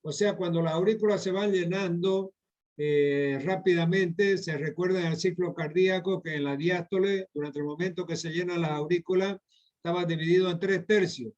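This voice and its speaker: A man's voice: high voice, fairly even intonation, moderate pace, darkish tone. A middle-aged man giving a medical lecture over slides, repeating key points and addressing his students directly. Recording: dull lo-fi lecture recording.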